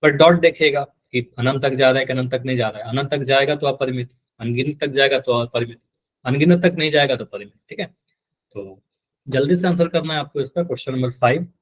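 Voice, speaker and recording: A man's voice: mid-range voice, a little fast. A man teaching a live online math class, patient and repetitive, often quizzing his students. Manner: patient, repeats key terms and quizzes students.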